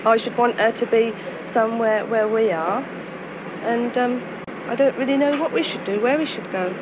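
A woman's voice: on the high side, moderate pace. A woman who lives in the village, answering an interviewer in an unsure, hesitant way. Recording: noisy old film soundtrack.

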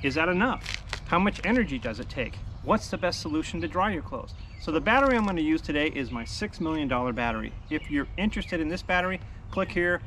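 A chatty man in his forties records a casual how-to vlog outdoors beside his house, on a close camera mic. His voice sits a little high, and he walks through his setup step by step in an upbeat way. Faint outdoor ambience sits under the speech. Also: big pitch swings, quick pace, noisy background. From United States. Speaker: off-grid homestead vlogger. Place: outdoors by a house wall in a backyard.

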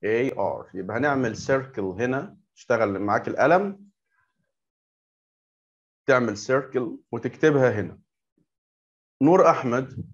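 A man's voice: medium pitch, animated, measured pace, long pauses. A young adult man with an Egyptian Arabic accent teaching English to young pupils, patiently repeating words and asking checking questions. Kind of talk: online lesson explaining to young pupils. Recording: dull lo-fi recording.

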